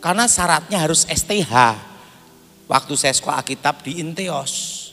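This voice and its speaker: A man preaches, recounting his testimony animatedly, acting out the conversations and breaking into frequent laughter. He's a pastor with a slightly high, creaky voice and a moderate pace. Faint music plays in the echoey hall where he was recorded.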